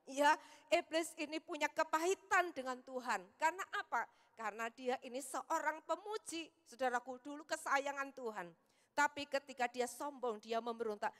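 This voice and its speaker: A woman pastor with a Javanese Indonesian accent preaching a sermon, often calling out to the congregation and swinging from loud to soft. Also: high voice. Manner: calls out "saudaraku" constantly, swings between loud and soft. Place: church hall. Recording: reverberant church hall.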